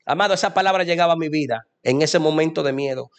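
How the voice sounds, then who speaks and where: A man's voice: fairly high pitch, quick pace. A young man telling a fervent religious testimony in a preachy way. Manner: preachy, fervent, addresses listener as "amado". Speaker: guest giving a testimony.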